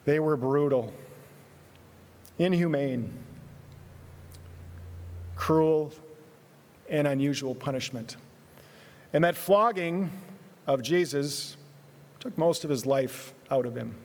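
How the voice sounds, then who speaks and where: A man preaching a sermon in an earnest way, repeating words, moving between loud emphasis and hushed, quiet phrases. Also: on the high side, takes it slowly, long pauses. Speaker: pastor. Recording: long hall reverb.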